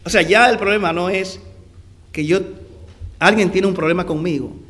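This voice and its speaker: A man preaching a sermon, addressing listeners as brother, stretching out key words for emphasis and letting phrases sink low at the ends. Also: fairly bright tone. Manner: preaching with slow drawn-out emphasis and sinking phrase endings.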